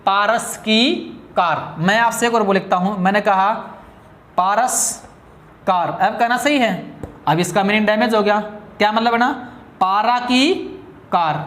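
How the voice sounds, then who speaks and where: A man's voice: high-pitched, a bit bright. Hindi-accented male grammar teacher, roomy sound. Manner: asks students questions and answers them himself; drawls key words slowly. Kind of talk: classroom lecture. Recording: echoey room.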